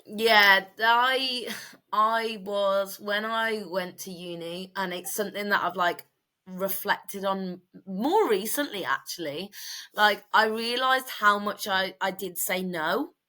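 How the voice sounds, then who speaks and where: A woman's voice: mid-range voice, takes it slowly, pushed and bright. A woman in her twenties, co-hosting a podcast and talking openly about her life in a chatty, filler-heavy way. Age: 20s. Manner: chatty, emotional, many fillers. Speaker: podcast co-host and guest. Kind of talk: casual podcast chat.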